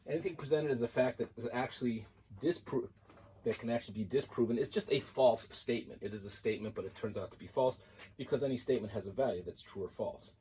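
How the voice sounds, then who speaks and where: A college math instructor giving a lecture, working through examples on a board in a conversational, explanatory way. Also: male voice, medium pitch, quick pace, darkish tone, slight background noise, low-quality recording.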